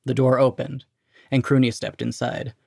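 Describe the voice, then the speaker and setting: A man narrating a short story in a steady, even storytelling delivery. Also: medium pitch, normal speed, creaky, no echo, clean studio sound.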